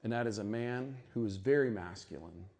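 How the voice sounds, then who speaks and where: A man's voice: on the low side, a little fast, vocal fry, darkish tone. A middle-aged man speaking earnestly at a faith conference, reflective, with frequent restarts and asides. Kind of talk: sermon-style talk at a conference.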